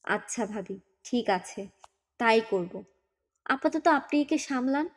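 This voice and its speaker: Earnest protective young uncle read by a woman, pleading but firm, slow-paced, storybook. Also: fairly high pitch, lively intonation.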